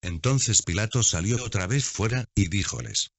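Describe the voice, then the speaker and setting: A low-pitched man reads scripture in a measured, unhurried narration. The recording is dry, with no room sound, and the sound is dull and lo-fi. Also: dry recording. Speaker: Bible reader.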